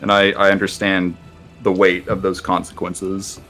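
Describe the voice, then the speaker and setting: A remorseful adventurer in a tabletop fantasy game, played by a man. His low voice has a bright, tense edge, and he owns up in halting, earnest phrases. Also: monotone, faint music behind. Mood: contrite. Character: contrite adventurer who misjudged and owns up. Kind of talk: tabletop role-play dialogue.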